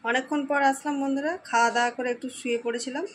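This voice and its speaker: A woman with a West Bengal Bengali accent chatting casually at home in a daily vlog, her voice slightly hoarse, often trailing off as she talks. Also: high voice, fairly even intonation, rapid-fire, slight background noise, poor audio. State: voice going hoarse from the heat. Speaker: housewife vlogger. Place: at home, indoors.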